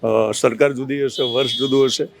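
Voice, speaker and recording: A man interviewing a politician, asking slow, thoughtful questions with hesitations and addressing viewers directly. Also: medium pitch, fairly even intonation, gravelly, noisy background. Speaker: interviewer and news reporter. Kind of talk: conversational interview with asides to viewers.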